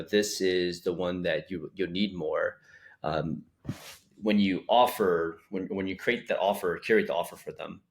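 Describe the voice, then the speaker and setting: A man's voice: deep voice, gravelly. A young man co-hosting a casual podcast about physical therapy business, rambling and acting out caller quotes.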